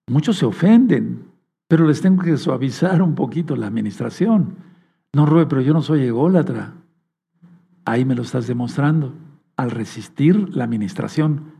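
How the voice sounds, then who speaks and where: A man's voice: mid-range voice, dark tone, husky. A man preaching a sermon to his channel, speaking to listeners as brothers and sisters and acting out an inner voice.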